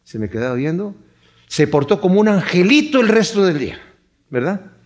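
A middle-aged man preaching a sermon, lively and acting out the voices he quotes. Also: sits high, normal speed. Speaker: pastor.

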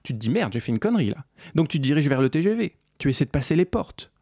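A man's voice: fairly high pitch, big pitch swings, fast, darkish tone, dry recording, studio quality. A man hosting a sarcastic commentary video essay, speaking ironically and addressing the listener directly. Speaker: host.

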